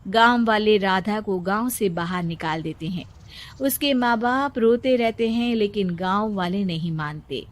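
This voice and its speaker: A woman's voice: mid-range voice, unhurried, noisy background. A woman narrating a scripted moral story in the present tense.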